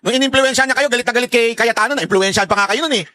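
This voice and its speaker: A man's voice: extremely high pitch, very fast, bright, forceful tone, slight background noise. A man giving heated, sarcastic political commentary to his viewers in a vlog, swearing and laughing often and mixing English phrases into his talk.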